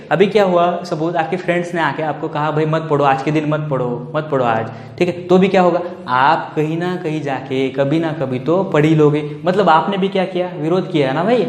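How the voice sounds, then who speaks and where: A male teacher lectures, asking his students rhetorical questions and checking in with "ठीक है" again and again. His voice sits slightly high. The recording is roomy, with a long trailing reverb. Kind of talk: classroom lecture. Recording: echoey room, long reverb.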